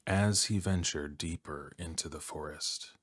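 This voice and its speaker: Calm and soothing, a soft-spoken man with a deep voice tells an ASMR bedtime story, pausing at length between lines.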